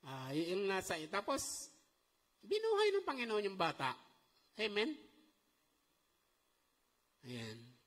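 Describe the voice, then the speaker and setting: High-voiced preaching man in an echoing church. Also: slow, pauses often. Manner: animated preaching with call-and-response checks. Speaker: pastor. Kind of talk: sermon. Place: church hall. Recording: long church-hall reverb.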